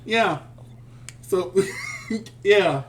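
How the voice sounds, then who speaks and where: A man in his thirties co-hosting a casual review chat, sassy and animated, calling people "honey.". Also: high voice, drawn-out words, slight background noise. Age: 30s. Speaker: podcast co-host.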